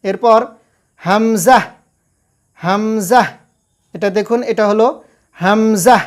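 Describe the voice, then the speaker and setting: Patient, slow-spoken woman teaching letters. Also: mid-range voice, darkish tone. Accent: Bangladeshi Bengali. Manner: patient, drawn-out letter names with pauses. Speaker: Quran alphabet teacher. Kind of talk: slow instructional lesson.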